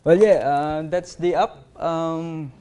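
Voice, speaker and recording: Man, workshop presenter, higher voice, halting, lots of ums. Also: fairly even intonation, mellow, clear, resonant tone. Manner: halting, apologetic, many fillers. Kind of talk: live workshop demo. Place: conference workshop room.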